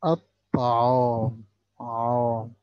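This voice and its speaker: A man's voice: medium pitch, monotone, extremely slow, no echo, dull audio. A man with an Egyptian Arabic accent teaching a lesson for young children, stretching out each sound as he spells words.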